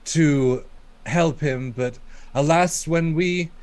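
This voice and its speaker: A man playing a tabletop game, speaking in character with slow, formal phrasing. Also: a little high, darkish tone, smooth. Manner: slow, drawling, formal speech. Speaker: player.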